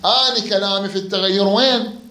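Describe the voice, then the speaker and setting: Male teacher, tense high-ish voice, keeps quizzing the class, echoey room recording. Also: fast talker, pushed and bright. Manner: prompts students with questions and repeats answers. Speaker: Arabic grammar teacher. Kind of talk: classroom lecture.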